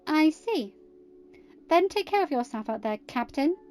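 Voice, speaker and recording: A woman voicing a fiery, proud young princess in a story reading, sharp-tongued, insistent and argumentative. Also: high-pitched, big pitch swings, a little slow, pitched above the performer's own voice. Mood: angry, scornful. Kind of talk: dramatised audiobook reading.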